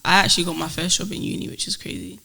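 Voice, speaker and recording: Bright, gravelly young woman. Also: fairly low pitch, racing. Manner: relaxed storytelling with slang and fillers. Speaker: podcast guest, food business owner. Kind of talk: casual podcast chat.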